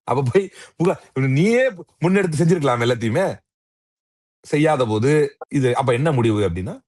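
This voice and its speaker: A man's voice: medium pitch, no echo, studio quality. A man arguing politics in an interview, combative and mocking, firing off rhetorical questions. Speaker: interview guest, political commentator. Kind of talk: heated political argument.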